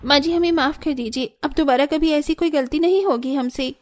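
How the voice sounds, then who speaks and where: A woman's voice: high voice, moderate pace, natural voice. A woman voicing a young daughter-in-law who complains about cooking alone in a cartoon story. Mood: apologetic.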